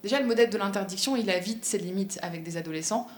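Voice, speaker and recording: A woman's voice: mid-range voice, very fast, a little hiss or hum. A woman giving a conference talk and answering questions, explaining at length with frequent hesitations and fillers. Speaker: speaker at a professional conference. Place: conference room. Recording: echoey conference room.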